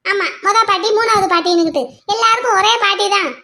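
A woman voicing an exasperated, sharp-tongued grandmother in a cartoon. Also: extremely high pitch, quick pace, heavily acted. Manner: nagging, sarcastic.

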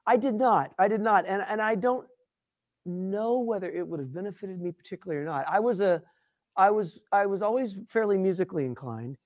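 A man's voice: high voice, fairly quick, dry recording, studio quality. A middle-aged man, a guest puppeteer, chatting casually in an interview and telling stories animatedly, with frequent restarts. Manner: animated, self-deprecating storyteller with frequent restarts.

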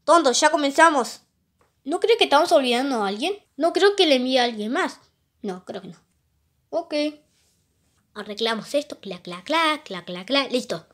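A woman doing playful plush-toy role-play of a video game, jumping quickly between excited, squealing character voices. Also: high-pitched.

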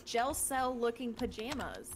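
A woman in her late twenties jokes and teases her co-host while gaming. Her voice sits a little high, and a steady hiss of background noise runs under everything she says. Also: measured pace. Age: late 20s. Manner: teasing, joking, deadpan asides. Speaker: co-streamer. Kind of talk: casual gaming stream chat.

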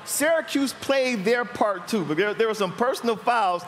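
A man's voice: very high voice, lively intonation, normal speed, a little hiss or hum. A middle-aged man giving conversational, emphatic football commentary on live TV. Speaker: football analyst. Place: outdoor broadcast desk.

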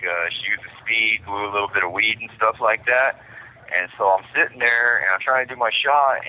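A man, a prisoner, recounting his own past over the phone in a halting, frank way, full of fillers. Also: on the low side. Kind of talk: personal confession by phone. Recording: tinny prison phone line.

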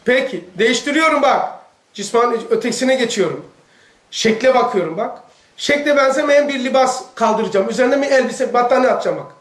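A man with a Turkish accent gives a religious lesson to a gathered audience, his voice sitting very high for a man. He talks in a loose, animated way and keeps checking in with his listeners. The room echoes around him. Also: a little fast. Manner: conversational, animated, addresses listeners directly with questions. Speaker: religious teacher.

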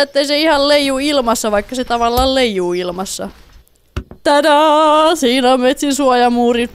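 Woman streamer, higher register, playful running commentary, faint noise floor. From Finland. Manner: playful, chatty, talks to in-game zombies. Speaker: let's play gamer. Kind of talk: casual gameplay commentary.

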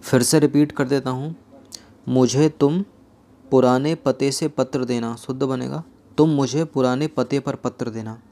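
A young man teaching an exam-prep grammar lesson, reading example sentences slowly and dropping in joking asides. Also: medium pitch, fairly even intonation, warm tone.

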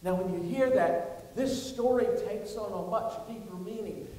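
A man's voice: high-pitched, normal speed, mellow. A male pastor preaching a sermon and reading scripture, asking the congregation to answer him. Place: church sanctuary. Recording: echoey church hall, distant mic, faint hiss.

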